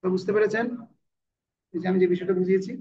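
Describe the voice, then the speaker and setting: A man's voice: sits high, flat delivery, fast talker, warm tone, slightly rough, highs cut off. A man teaching Sanskrit verse pronunciation in an online class, patiently repeating words and often checking whether his students follow. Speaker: scripture recitation teacher.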